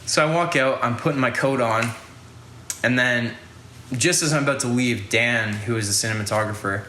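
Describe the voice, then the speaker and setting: A man's voice: medium pitch, moderate pace, sharp tone, slight background noise. Rambling young man, echoey room. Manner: rambling, lots of "like" fillers and swearing. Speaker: podcast host. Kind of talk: casual storytelling.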